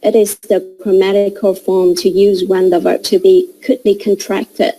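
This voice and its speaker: Young woman doing a class presentation, mellow voice, stops and starts a lot. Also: mid-range voice, level tone, a little hiss or hum, rough recording. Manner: explanatory, halting with pauses. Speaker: student presenter.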